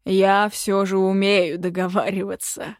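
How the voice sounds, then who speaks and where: A woman voicing a domineering, cruel male emperor who gives slow, loud, imperious commands. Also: medium pitch, level tone, no echo, studio quality.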